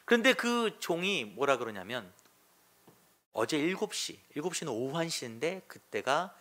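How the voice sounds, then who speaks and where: A man's voice: a little high, very animated, normal speed, sharp tone. A male pastor preaching a Sunday sermon in a church, talking frankly and conversationally and asking the congregation questions. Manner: colloquial and frank.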